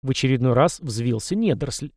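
A man narrating an audiobook in a steady, measured reading. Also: mid-range voice, no room sound, clean studio sound.

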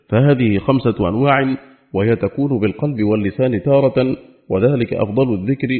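Fast-reading low-voiced man, phone-thin sound. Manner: steady measured recitation. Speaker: audiobook reader. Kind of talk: formal religious book reading. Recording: narrow phone-like audio.

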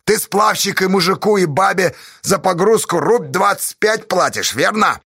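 A man voicing a loud, indignant bearded barge hauler who shouts and stirs up a crowd in an audiobook. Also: high-pitched, expressive, moderate pace, voice pushed up, heavily acted. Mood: indignant shouting. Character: shrill rabble-rousing bearded male barge hauler. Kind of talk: audiobook character voice.

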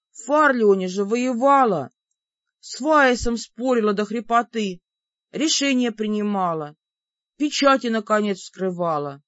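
A woman voicing a gruff, grumbling male demon in an audiobook. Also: a little high, no room sound. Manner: grumbling, reluctant. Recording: dull lo-fi dry recording.

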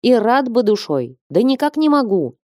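A woman's voice: on the high side, sing-song, moderate pace, a little mellow, no echo, clean studio sound, voice pushed up. A woman reading a sly, domineering merchant. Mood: coaxing. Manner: coaxing yet unyielding, proverb-quoting. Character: wealthy domineering male merchant, sly and coaxing.

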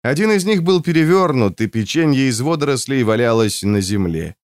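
A man narrating a novel as an audiobook, with an expressive reading. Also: mid-range voice, fairly quick, no room sound, clean studio sound.

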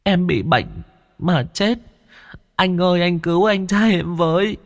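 A man's voice: sits high, unhurried, long reverb tail, voice pushed up. A man voicing the ghost of a small boy of about five or six, sobbing and pleading. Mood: tearful pleading.

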